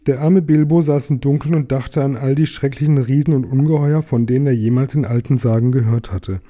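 Male audiobook narrator, deep-toned and warm, measured storybook delivery. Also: steady tone. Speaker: audiobook reader.

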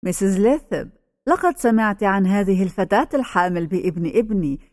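A woman voicing an aging male village pastor who speaks slowly and solemnly. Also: mid-range voice, lively intonation, darkish tone, no room sound, studio quality, lightly acted. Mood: gentle.

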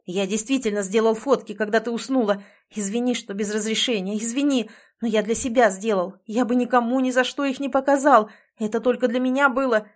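A woman's voice: on the high side, fairly even intonation, brisk, natural voice. A woman reading an audiobook and voicing a young man who insists and pleads heatedly with his girlfriend. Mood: heated, pleading.

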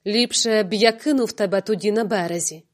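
Jeering drunk guy next door, quarrelsome, steady mid voice as a lady narrator reads him. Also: mid-range voice, a little fast, lightly acted. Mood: scornful. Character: drunk, spiteful adult male neighbor. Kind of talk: audiobook reading.

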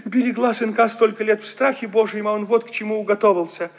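A man's voice: high-pitched, steady tone, fast talker. A male reader brings in a pious older mother who keens over her son's disgrace. Her reproaches come in a raised, chanting, old-fashioned wail. This is a storybook reading. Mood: lamenting. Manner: wailing reproachful old-style lament.

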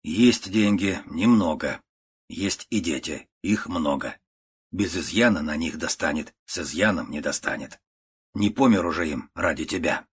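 A man reading a storybook, voicing a calm, stern old uncle who talks in short clipped phrases. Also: deep voice, unhurried, breathy edge, full character voice. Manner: clipped, curt phrases, quiet and level.

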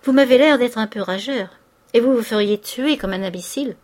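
A woman's voice: on the high side, brisk, a little mellow, close to an everyday voice. A woman reading an audiobook voices a sardonic man of forty, mocking, swaggering and coolly menacing.

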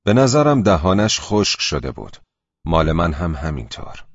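A man reading a literary novel aloud as an audiobook narrator, calm and measured. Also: deep voice, slightly rough, no echo, lo-fi sound.

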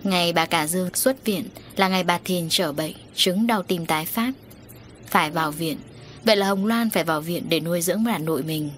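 A woman's voice: on the low side, slight background noise. Woman narrating an audiobook. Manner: steady, even storytelling. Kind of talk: scripted narration. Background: faint music.

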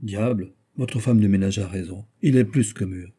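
A man's voice: fairly low pitch, moderate pace, dark tone, breathy edge. A man voicing a wry, teasing playwright in an audiobook, poking fun at a distracted friend. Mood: amused. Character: amused, teasing male playwright. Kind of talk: audiobook character voice.

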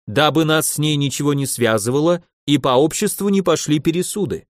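A man's voice: fairly high pitch, a little fast, no echo, clean studio sound, close to an everyday voice. A man playing a boastful hussar prince. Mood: proud. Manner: boastful, theatrical. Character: proud, jovial hussar prince colonel.

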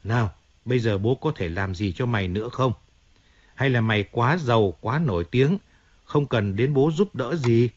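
A man's voice: mid-range voice, moderate pace, darkish tone, muffled recording, lightly acted. A man reading a stern, cold old crime boss. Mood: calm. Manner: gruff, scornful, commanding. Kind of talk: audiobook character reading.

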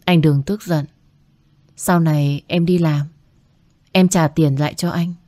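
A humble young medical student voiced by a woman reader, pleading softly and politely. Her voice is low. The recording is dry and close. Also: steady tone, a little slow, dry recording. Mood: earnest.

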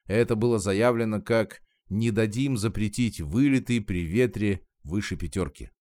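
A man reading an audiobook voices a small, excitable young woman, lifting his voice higher. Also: moderate pace, no room sound, natural voice. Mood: offhand. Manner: eager, raised pitch.

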